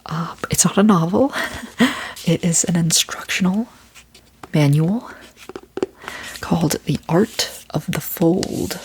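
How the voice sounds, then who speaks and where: A woman doing an ASMR role-play as a bookstore clerk, soft-spoken like in a library, casual and a little hesitant in her phrasing. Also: slow, pauses often, breathy edge, low-quality recording. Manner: soft-spoken library soft voice, gentle and low-key.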